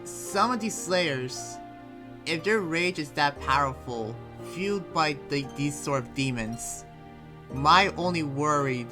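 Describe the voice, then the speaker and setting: In an improvised anime game roleplay, a man voices an earnest, troubled demon slayer and researcher, speaking haltingly and often trailing off. His voice is a little high and only lightly acted.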